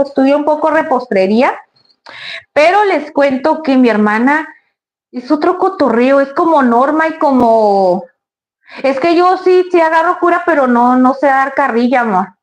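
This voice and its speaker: A woman's voice: high-pitched, normal speed. A woman with a Mexican accent, hosting a cooking channel and chatting casually and effusively to her viewers. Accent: Mexican Spanish. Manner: chatty, effusive, laughs often, thanks viewers by name.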